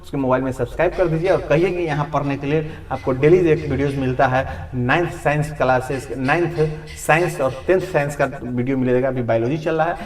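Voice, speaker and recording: A male teacher with a Bihari Hindi accent runs a classroom lesson, firing a question at his students and answering it himself again and again. His voice sits a little high. He sounds set back from the mic in a roomy, echoing classroom. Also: fairly quick, few pauses. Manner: drills students with repeated questions, calling them "babu". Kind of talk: classroom lecture at a board. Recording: roomy echo from a distant mic.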